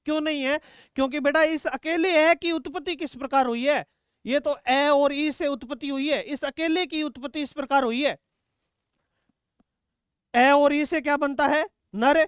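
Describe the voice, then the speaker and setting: In a dry, studio-quality recording, a man whose voice is very high-pitched and a bit bright walks students through exam quiz questions. He answers his own questions and addresses the students as "beta" throughout the exam-prep lesson.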